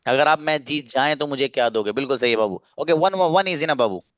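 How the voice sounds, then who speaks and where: A man's voice: medium pitch, expressive, a little fast, fairly bright tone, no echo. A man teaching an English grammar lesson to a class, explaining in a playful way and acting out little mock dialogues.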